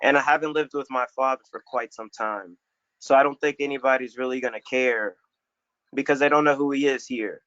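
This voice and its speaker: A man's voice: medium pitch, brisk, a bit bright, no room sound. A young man from Florida telling a personal story on a community panel in a reflective, casual way with some slang. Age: young adult. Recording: dull lo-fi dry recording.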